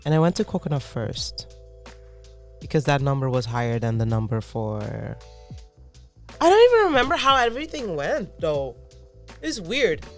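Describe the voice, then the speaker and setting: A woman co-hosting a reaction channel, chatting in a relaxed, low-key way and trailing off as she thinks. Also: normal speed, long pauses, faint music behind. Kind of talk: casual chat.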